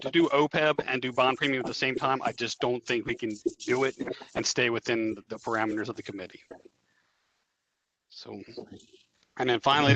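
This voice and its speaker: A man giving a measured budget briefing to a council, with many fillers. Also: mid-range voice, a bit bright, poor audio. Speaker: budget official.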